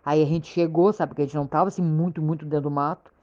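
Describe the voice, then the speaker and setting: Low-voiced Southern Brazilian woman, halting. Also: steady tone, dark tone. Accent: Southern Brazilian, Rio Grande do Sul. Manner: halting, repetitive, keeps asking "sabe?". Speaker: storyteller recounting a frightening experience. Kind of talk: casual spoken personal account. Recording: dull lo-fi recording.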